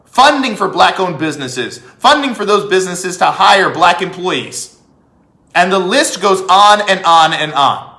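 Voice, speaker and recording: A male commentator delivers an opinionated political monologue in an echoey room, his high voice pushed and bright. He speaks emphatically, repeating phrases and posing rhetorical questions.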